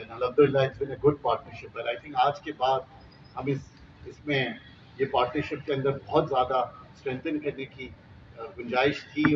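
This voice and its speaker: A man's voice: medium pitch, distant mic, highs cut off, slight background noise. A man, a bank executive, giving a ceremony speech and switching between English and Hindi-Urdu. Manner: fast, mixing English and Hindi-Urdu phrases.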